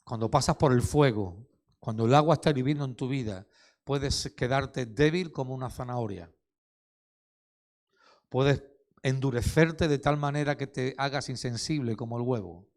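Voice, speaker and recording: Man doing a wise old grandmother, gentle, patient, instructive, told-story figure. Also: mid-range voice, moderate pace, lightly acted. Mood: gently instructive.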